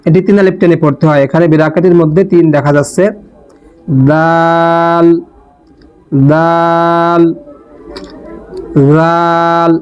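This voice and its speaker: A man teaching letter pronunciation in a slow lesson, repeating and drawing out each sound with care. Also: a little high, fairly even intonation, darkish tone. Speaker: Quran teacher. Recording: dull lo-fi recording.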